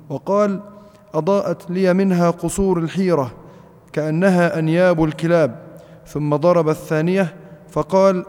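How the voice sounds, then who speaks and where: A man reading a classical text aloud to a class in a steady voice. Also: a little high. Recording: long reverb of a hall.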